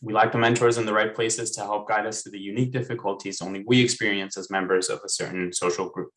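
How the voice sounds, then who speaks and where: A man's voice: fairly low pitch, fairly even intonation, quick pace, fairly bright tone, rough recording. A young man raised in Maryland, speaking on an online panel and then earnestly reading a book excerpt aloud over a video call. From United States (raised in Maryland).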